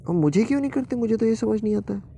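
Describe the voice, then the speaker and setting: A man's voice: high-pitched, lively intonation, fast, creaky, warm tone, husky, pitched above the performer's own voice, exaggerated voice. A man voicing a hurt, complaining talking ceiling fan in a bedtime story. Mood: whiny. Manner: plaintive, complaining.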